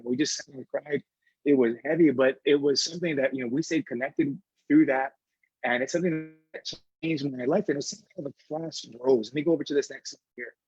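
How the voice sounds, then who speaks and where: A man's voice: on the high side, husky, no echo. A middle-aged man from Hawaii, a guest speaker telling a personal story at a workshop in an earnest, conversational way with many fillers. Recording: slightly dull, dry recording.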